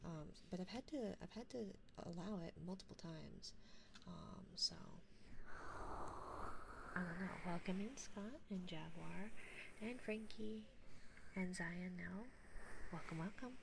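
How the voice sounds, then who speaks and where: A woman speaks in intimate bedtime pillow talk, very slowly and softly, often slipping into a whisper. Her voice sits a little low and has a creaky, fried edge. She is close to a binaural microphone, with clear noise behind her, chatting to live stream listeners. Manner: soft-spoken, often dropping into whispers.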